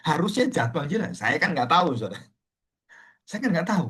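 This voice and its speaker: A man's voice: fairly high pitch, sing-song, a little fast, fairly bright tone, husky. A middle-aged male pastor preaching a sermon in a conversational way, often calling out to his listeners. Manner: conversational, addresses listeners as "saudara".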